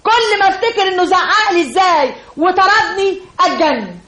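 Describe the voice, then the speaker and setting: An irate landlady with an Egyptian accent, bossing people around in a very high, shrill voice. She talks quickly and sounds roomy, like old film sound. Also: animated, pushed and bright, full character voice. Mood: angry. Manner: indignant, commanding. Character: irate middle-aged landlady.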